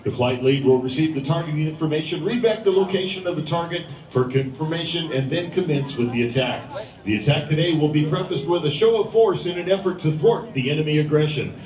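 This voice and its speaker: A man's voice: fairly high pitch, fairly quick, darkish tone. A man giving emphatic, scripted airshow commentary like an announcer over a public address system. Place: outdoor airshow over loudspeakers. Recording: echoey PA, heard from far off.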